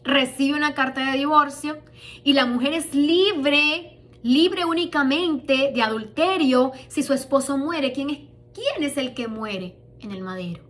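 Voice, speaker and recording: A woman's voice: high-pitched, unhurried, a bit bright. A woman preaching a sermon, asking rhetorical questions and reading scripture with emphasis.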